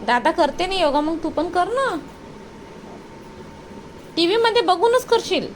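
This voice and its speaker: Lively mother vlogging at home. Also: very high-pitched, measured pace. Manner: coaxing, motherly questions to the kids. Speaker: mother filming a family vlog. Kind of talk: casual home vlog narration and chat with children. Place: home, indoors. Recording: noisy home phone recording.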